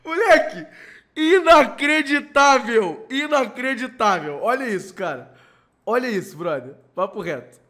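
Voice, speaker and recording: A young man, a host telling a story in excited, slangy, swearing bursts that repeat themselves. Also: high-pitched, moderate pace. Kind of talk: casual storytelling.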